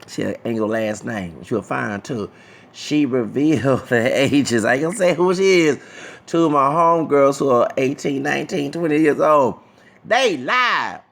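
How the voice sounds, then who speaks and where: Gravelly man rambling to viewers. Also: mid-range voice, lively intonation, unhurried, a bit bright. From Texas, USA. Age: 30s. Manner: digressive, repeats himself, talks to viewers directly. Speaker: vlogger. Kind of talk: casual rambling commentary.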